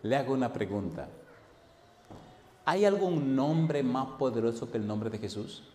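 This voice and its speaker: A man's voice: mid-range voice, lively intonation, unhurried, mellow. A male pastor preaching a sermon, telling a dramatic personal story and speaking directly to his congregation. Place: church hall. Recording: reverberant church hall with faint ambience.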